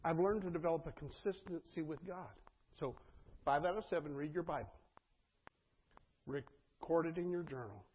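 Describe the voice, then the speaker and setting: A man's voice: fairly high pitch, normal speed, pauses often, breathy edge, highs cut off. A man preaching a sermon as pastor, earnest and conversational, often turning to the congregation with asides.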